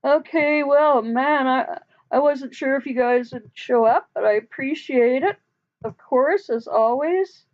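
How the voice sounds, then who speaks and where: A woman's voice: high-pitched, unhurried, lo-fi sound. A woman hosting a casual live chat with her viewers, talking in a loose, rambling way with frequent laughs and trailing sentences. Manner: chatty, laughs often, trails off mid-sentence. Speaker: livestream host.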